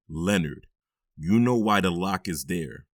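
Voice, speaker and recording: In an audio drama, a man plays a stern but loving middle-aged stepfather, his deep, low voice close and dry with no echo or room around it. Slow and heavily acted, he sounds firm, weary and stern, sighing heavily and scolding and comforting in the same steady way.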